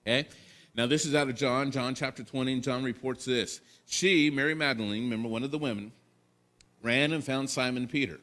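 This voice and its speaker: A man's voice: fairly low pitch, a bit bright. Man preaching in a conversational way. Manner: conversational preaching with rhetorical questions and asides. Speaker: pastor. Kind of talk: sermon.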